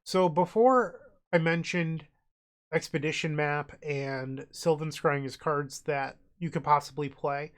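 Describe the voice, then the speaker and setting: This is a man whose voice leans high, holding a steady tone at a measured pace, and whose cold makes him sound congested and nasal. In easygoing gameplay commentary, he narrates his online card game one move at a time while thinking aloud.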